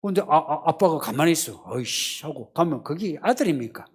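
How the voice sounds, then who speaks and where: A male pastor preaching a conversational sermon, often acting out short quoted prayers and pleas in a softer voice. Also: on the high side, animated, fairly quick, breathy edge.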